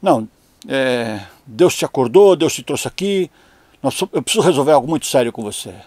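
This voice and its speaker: A man's voice: mid-range voice, lively intonation, normal speed, darkish tone, no room sound, lightly acted. A man voicing his devout, stern mother who scolds and preaches at her son. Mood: stern, accusing.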